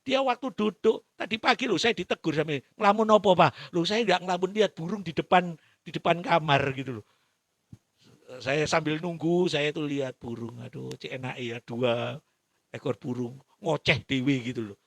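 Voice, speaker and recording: A man's voice: on the high side, moderate pace, a bit bright, dry recording. A man with an East Javanese accent preaching a sermon in church, telling the story with animation and calling out to the congregation. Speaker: pastor.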